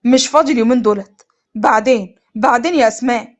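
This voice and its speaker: امرأة تؤدي دور شاب متهرب وغير مبالٍ، بلهجة مصرية. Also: female voice, on the high side, fast talker, lo-fi sound, close to an everyday voice. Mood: dismissive. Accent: Egyptian. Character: evasive careless young boyfriend.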